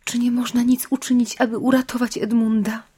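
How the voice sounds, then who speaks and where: A woman's voice: fairly high pitch, little pitch movement, fairly quick, warm tone, breathy edge, pitched above the performer's own voice. A woman reading a sincere young girl who pleads earnestly. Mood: pleading.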